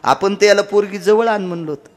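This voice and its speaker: A man with a Marathi accent preaching a devotional kirtan sermon, telling stories and breaking into sudden high shouted lines and sung refrains. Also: brisk.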